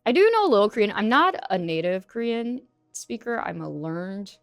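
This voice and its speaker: A native English-speaking young woman streams her reaction to an article, reading text aloud then commenting in a chatty, filler-heavy manner. Her medium-pitched voice is very animated and clean in tone at a moderate pace. The recording is dry.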